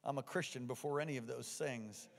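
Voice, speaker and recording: A man's voice: medium pitch, fairly quick, creaky. An American man preaching a sermon to a congregation. He reads scripture, prays, and repeats key words back as questions to the crowd. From United States. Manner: emphatic preaching, repeats lines and quizzes the congregation. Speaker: pastor. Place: church sanctuary. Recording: reverberant church hall.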